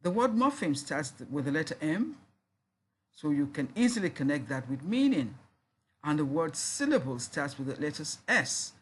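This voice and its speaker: A university lecturer giving a recorded lesson, talking slowly and deliberately, repeating each word to sound it out and spelling out letters. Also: medium pitch, a little hiss or hum.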